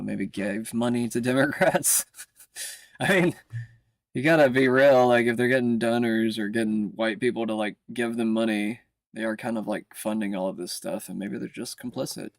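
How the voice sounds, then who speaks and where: A man's voice: medium pitch, no room sound. A man in political commentary, reading out posts and reacting with offhand, sarcastic asides.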